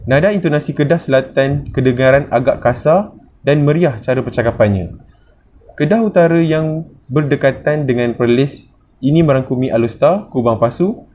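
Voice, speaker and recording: Malaysian malay guy reading out a presentation, formal, muffled audio, bit of noise. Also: mid-range voice. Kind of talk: scripted academic presentation.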